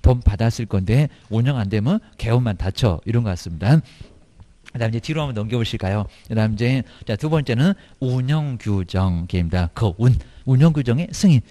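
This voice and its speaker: A man's voice: mid-range voice, animated, a little fast, mellow. A middle-aged man giving a recorded exam-prep lecture, chatty and colloquial, asking his students rhetorical questions.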